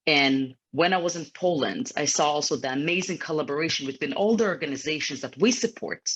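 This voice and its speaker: A Ukrainian woman in her thirties, a native Ukrainian speaker and federation executive, gives an earnest personal account as an interview guest over a video call. Her voice is deep with a breathy edge, her pace a little fast, and her phrasing slightly non-native. The video call audio is dull and lo-fi.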